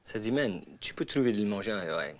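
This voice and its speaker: A man's voice: lowish voice, brisk, no echo. A man from Louisiana with a Cajun French accent, casually telling his life story and acting out the people he quotes. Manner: animated, acts out quoted voices.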